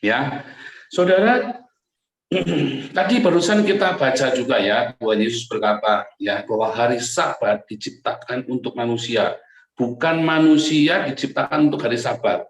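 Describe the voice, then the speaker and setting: Guy pastor preaching casual, keeps saying "right brothers?", voice booming with echo all round. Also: a little slow. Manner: chatty, keeps addressing listeners as brothers and sisters with a tag "right?". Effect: strong echo like a big church hall. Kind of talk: sermon. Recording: echoey room sound.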